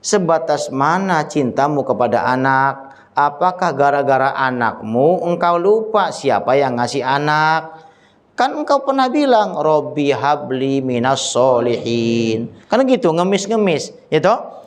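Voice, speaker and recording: A man giving a casual religious study sermon, chatty and joking, teasing listeners by name and reciting Arabic verses slowly. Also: a little high, expressive. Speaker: preacher.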